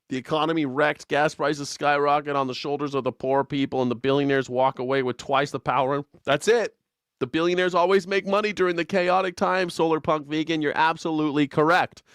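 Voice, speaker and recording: A man's voice: fairly high pitch, level tone, moderate pace, clear, resonant tone, no room sound, clean studio sound. A man in his forties hosting a live stream, ranting sarcastically about the news with swearing, and reading out chat comments. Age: 40s. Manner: sarcastic, profane and rambling, reads chat comments aloud. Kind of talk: casual political comedy rant.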